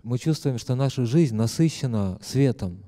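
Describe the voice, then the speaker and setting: A man's voice: mid-range voice, animated, normal speed, dark tone. A man interpreting a lecture live, hesitant, with many fillers and self-corrections.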